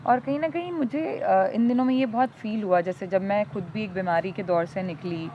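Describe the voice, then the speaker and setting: A woman's voice: mid-range voice, normal speed. A woman from India speaking earnestly and personally as a podcast co-host, mixing English words into her speech. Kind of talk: conversational podcast talk. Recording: dull lo-fi audio with faint traffic noise.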